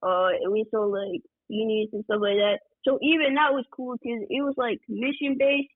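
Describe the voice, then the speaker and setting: A man from Georgia speaks as a podcast guest in an unhurried, rambling way, leaning on fillers as he explains. His voice arrives over a tinny, phone-like line. There is no room sound around it at all. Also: very high-pitched, no echo. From Georgia, USA. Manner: relaxed, rambling, many fillers like "like" and "you know". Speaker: guest music producer. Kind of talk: casual interview chat.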